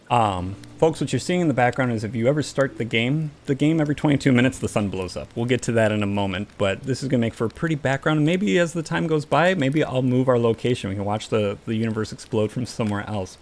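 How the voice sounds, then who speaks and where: A man's voice: medium pitch, a little fast. A man hosting a casual podcast, telling a story and acting out the quoted lines with animation. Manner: animated, acts out quoted dialogue. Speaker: podcast host and streamer.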